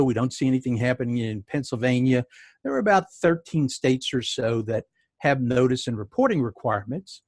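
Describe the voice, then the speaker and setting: A man's voice: medium pitch, dry recording. A man with a New York accent presenting a webinar as a sales tax consultant, talking in a conversational way with many fillers and wry jokes.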